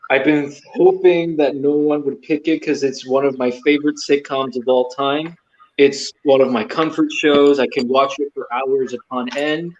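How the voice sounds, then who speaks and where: A man in casual chat, playfully trash-talking friends about his pick, on a lo-fi mic. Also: on the high side. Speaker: draft participant. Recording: dull lo-fi mic with faint noise.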